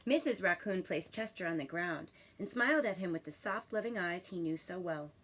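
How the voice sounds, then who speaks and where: A woman teacher reading a children's story expressively and pausing to ask questions in a deliberate, instructive manner. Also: fairly low pitch, lively intonation, a bit bright, poor audio.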